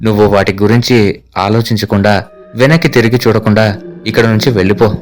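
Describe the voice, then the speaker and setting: A man's voice: fairly low pitch, steady tone, a little fast, close to an everyday voice. A man voicing a stern graveyard keeper. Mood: warning. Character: adult male graveyard keeper, stern and warning.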